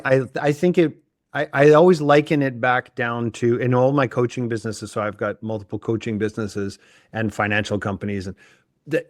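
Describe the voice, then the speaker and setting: A man's voice: medium pitch, dry recording, studio quality. Laid-back male podcast host. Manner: relaxed, conversational, musing aloud. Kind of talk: casual interview chat.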